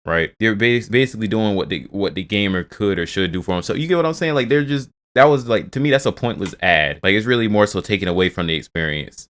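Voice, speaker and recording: A man with a low voice reacts to news in a rapid stream of casual commentary. He swears freely, trails off and restarts his sentences as he goes. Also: animated, a bit bright. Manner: rambling, profane, restarts a lot. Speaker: video host reacting to game news.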